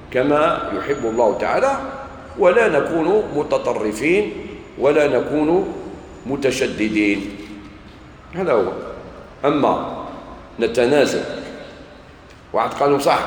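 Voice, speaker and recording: Animated Algerian preacher in an echoey hall. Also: male voice, medium pitch. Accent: Algerian Arabic. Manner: animated storytelling, acts out dialogues. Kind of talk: sermon lecture. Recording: echoey hall, faint background noise.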